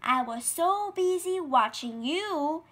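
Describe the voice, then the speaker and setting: A woman voicing an excited, eager young male pollywog in a read-aloud storybook, asking bouncy questions. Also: very high voice, slow pace, pitched above the performer's own voice, full character voice.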